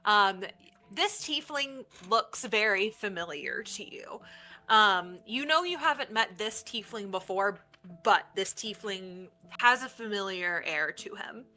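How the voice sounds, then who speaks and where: A woman narrating a tabletop game as game master, building descriptions haltingly, phrase by phrase. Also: medium pitch, lively intonation, sharp tone, soft background music.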